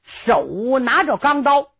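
Lady storyteller, super animated, swoopy pitch, husky, muffled old tape. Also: slow pace. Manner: animated, dramatic, sound-effect words. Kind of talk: traditional storytelling narration. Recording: dull lo-fi recording.

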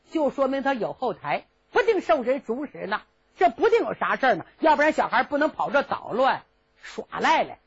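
A woman telling a traditional story with lively, dramatic narration, in a dull lo-fi recording. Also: sits high, husky.

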